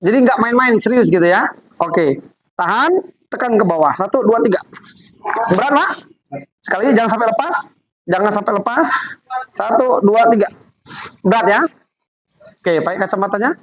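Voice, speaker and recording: She speaks at a moderate pace in an expressive, mid-range voice, pausing often. Demonstrating products live to a group as an MLM presenter, she chats and coaxes while directing volunteers, all captured in poor audio with an audience crowd behind.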